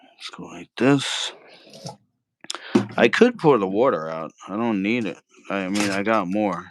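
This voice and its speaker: Low-leaning and lively in intonation, this man talks at a measured pace over a noisy background. Hosting a cooking livestream, he argues with his chat, rambles casually in slang as he cooks and says "bro" constantly.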